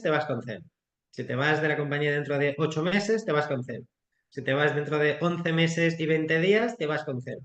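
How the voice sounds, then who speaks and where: A startup investor, speaking as a guest expert in an explanatory webinar talk, is frank and colloquial, giving animated explanations with quoted asides. His voice is on the high side, in an echoey room.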